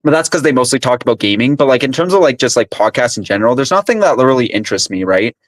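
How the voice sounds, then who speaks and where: Young male streamer, mid-pitch, rambling and profane, dry close mic. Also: lively intonation, fast, no room sound. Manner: rambling, filler-heavy, profane. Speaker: stream co-host. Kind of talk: casual chat.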